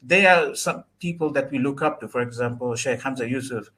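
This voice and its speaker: A man from Bangladesh, speaking as an interview guest, earnest and often pausing to search for words. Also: mid-range voice, bright, forceful tone. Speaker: guest, religious scholar. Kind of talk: live online interview.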